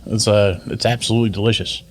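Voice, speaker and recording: A man with a New Jersey accent describes a beer as a guest on a casual podcast. He speaks in a halting, thoughtful way, searching for his words. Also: lowish voice, fairly even intonation. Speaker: brewery tour company owner, guest. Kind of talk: casual chat over beers.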